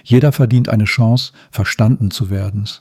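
A man voicing a small, brave female cloud mouse who talks in a squeaky, careful way. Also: fairly even intonation, moderate pace, husky, no room sound, clean studio sound. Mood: gentle. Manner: squeaky, timid then gentle.

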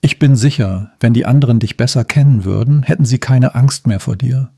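Brief: squeaky, timid little girl mouse from a storybook, mellow and soft as done by a man. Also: a little fast, gravelly, husky, no echo, clean studio sound. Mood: gentle. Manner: squeaky, timid then gentle. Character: small brave female cloud mouse.

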